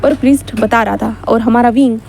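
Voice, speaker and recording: A woman's voice: on the high side, fairly even intonation, fairly quick, creaky, a little mellow, a little hiss or hum. A woman narrating fan fiction in a casual, chatty retelling with frequent fillers.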